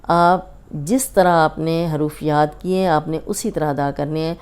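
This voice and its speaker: A woman with a Pakistani Urdu accent teaching a Quran recitation lesson, drilling drawn-out syllables and patiently explaining each sound. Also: low voice, fairly even intonation, a little mellow, clear, resonant tone. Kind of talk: slow instructional recitation lesson.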